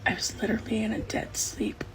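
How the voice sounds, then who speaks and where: A young woman records herself on her phone in a dark bedroom at night. She talks in a frightened, breathy whisper, keeping her voice low. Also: brisk, rough recording. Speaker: vlogger filming her room. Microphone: phone camera.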